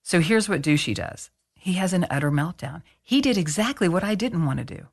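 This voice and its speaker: A woman host telling a story in casual chat, animated and blunt, swearing freely. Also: lowish voice, fairly quick, husky.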